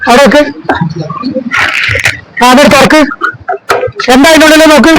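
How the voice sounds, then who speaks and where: An actor playing a brusque police officer who barks orders during an arrest in an amateur short film. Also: male voice, very high voice, fairly even intonation, measured pace. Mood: commanding. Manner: barking orders. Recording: crowd noise nearby.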